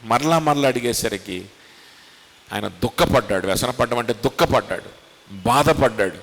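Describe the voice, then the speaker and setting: A man's voice: mid-range voice, animated, normal speed, vocal fry, a bit bright, in a large hall. A man preaching a sermon as pastor, asking rhetorical questions and acting out the voices he quotes. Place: church hall.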